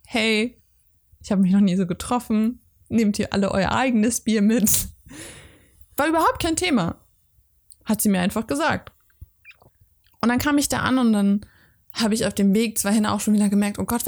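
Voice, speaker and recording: A woman's voice: fairly high pitch, a little mellow. Chatty woman telling a personal story. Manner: chatty, candid, acts out her own thoughts in quotes.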